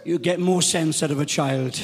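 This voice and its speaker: An older comedian in his sixties tells a jokey, self-mocking tale on stage. His voice sits high for a man. A long reverb from the big hall trails behind each line. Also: normal speed, faint music behind. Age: 60s. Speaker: stand-up comedian. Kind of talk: stand-up storytelling.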